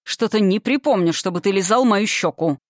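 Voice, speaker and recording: A woman's voice: mid-range voice, moderate pace, no room sound, clean studio sound, close to an everyday voice. Woman voices a stern, growling male doctor, audiobook. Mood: dry. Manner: growling, curt.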